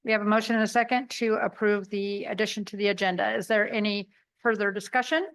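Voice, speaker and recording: A woman acting as chair of a formal council meeting, running procedure in a brisk, businesslike way. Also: medium pitch, steady tone, fairly bright tone, smooth.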